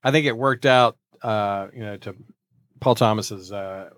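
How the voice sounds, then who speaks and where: A man's voice: fairly low pitch, unhurried, a bit bright, no echo, studio quality. A man co-hosting a podcast in casual chat, rambling through long thoughts with lots of fillers. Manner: rambling, many fillers and restarts. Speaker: podcast co-host.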